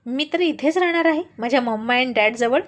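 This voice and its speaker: A woman's voice: high voice, fairly quick, lightly acted. A woman voicing a lazy college-age daughter who complains and pouts, read as part of a spoken story. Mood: complaining. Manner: complaining, whiny.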